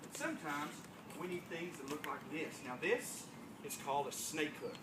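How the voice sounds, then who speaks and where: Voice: mid-range voice, lively intonation, moderate pace. A children's entertainer hosting a live show like a kids' party magician, with playful, coaxing call-and-response patter and clownish mock surprise. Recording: noisy live room full of children. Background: loud crowd of children, ambient noise.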